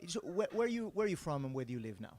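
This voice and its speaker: A man's voice: on the high side, very animated, quick pace, a little mellow, no echo. A man hosting a casual, joking interview as a stand-up comedian, irreverent and sweary. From Mallorca, Spain.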